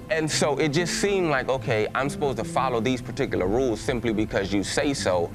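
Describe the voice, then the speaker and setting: A Texas pastor with a Southern accent and a lowish voice shares his personal testimony with a church in a conversational way, restarting often and using lots of filler words.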